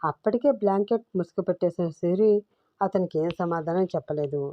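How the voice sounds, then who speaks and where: A woman with a low voice reads a story aloud, expressive and lively in her delivery. The recording is dull and very dry, as if close to the mic. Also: fairly quick, no echo. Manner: expressive, plays every figure herself. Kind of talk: scripted story narration.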